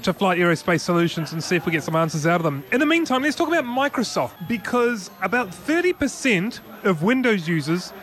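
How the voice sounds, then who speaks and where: A man's voice: sits high, very animated, fairly quick, few pauses, fairly bright tone. A man co-hosting a tech news podcast, chatting casually and rambling with restarts and laughs. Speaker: podcast co-host.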